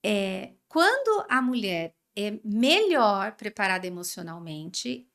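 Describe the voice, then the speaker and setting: Woman, Brazilian accent, podcast guest, animated, very expressive pitch. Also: slow, gravelly. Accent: Brazilian Portuguese. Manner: animated, acts out quoted parents and kids. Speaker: guest expert on emotional education. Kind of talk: conversational podcast interview.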